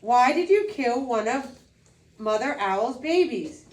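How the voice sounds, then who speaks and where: A woman's voice: on the high side, expressive, slow, a little mellow. A woman voicing a solemn lion king in a folktale, questioning his animal council in declamatory phrases. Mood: grave questioning. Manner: declamatory, repeating words for weight. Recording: roomy echo, distant microphone.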